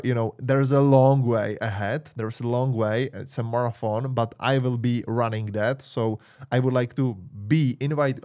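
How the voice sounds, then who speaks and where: A man in his thirties, a native Czech speaker with a Czech accent, does a screen-share tech review as a YouTuber, hesitantly reading points aloud and then commenting with casual asides, full of "uh" and "you know". His medium-pitched, darkish voice is captured by a boom-mounted studio mic with a webcam inset, with clean studio sound and no echo.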